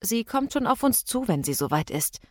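A woman reading an audiobook, voicing a calm, practical grown man who talks in a level-headed, placating way. She speaks into a close studio microphone. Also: on the high side, moderate pace, no echo, voice pushed up. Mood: reassuring.

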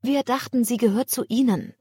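An urgent young sailor on a clipper ship, as a woman reader puts him on. He speaks up a little higher and louder than the narration around him, in a dry, close audiobook sound. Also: moderate pace, slightly rough, dry recording.

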